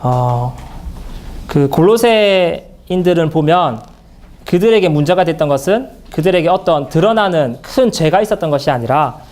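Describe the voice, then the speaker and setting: A man speaking at a church Bible seminar in an earnest, halting way, with many fillers and restarts. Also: fairly high pitch, animated, a little mellow.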